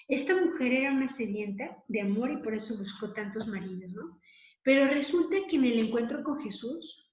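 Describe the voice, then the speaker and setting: A woman's voice: on the high side, a little mellow. A woman leading a spoken prayer meditation, earnest and conversational, often adding little tag questions. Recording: dull, lo-fi, echoey room.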